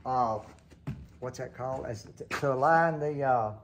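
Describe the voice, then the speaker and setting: An older man hosts a sawmill sharpening how-to show, giving a casual demonstration in a folksy, rambling manner and often backing up to correct himself. His voice is medium-pitched and unhurried, captured on a handheld camera in an open barn workshop with a little hiss or hum.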